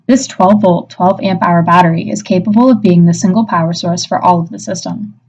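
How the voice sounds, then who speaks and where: A woman's voice: fairly low pitch, steady tone, brisk. A young adult woman reading a scripted infomercial-style product explanation as a student presenter. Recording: dull, band-limited voice recording.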